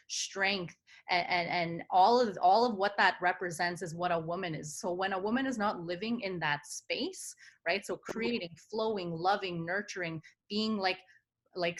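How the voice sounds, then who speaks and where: A woman hosts a casual podcast, steering the talk with a reflective, teacherly manner. Her voice sits slightly low for a woman. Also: a bit bright. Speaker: podcast host.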